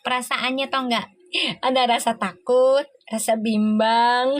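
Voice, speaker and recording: A woman's voice: on the high side, fairly even intonation, slow, no echo. A woman doing a casual live tarot reading, exclaiming and laughing often as she talks. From Indonesia. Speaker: tarot reader.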